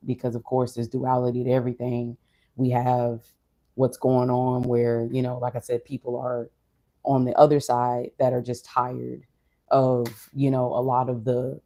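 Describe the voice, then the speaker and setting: A vlogger shares personal reflections in a casual monologue. The voice is mid-pitched, dark and mellow, with little melodic movement. Delivery is subdued, low in energy and unhurried. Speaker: streamer or vlogger.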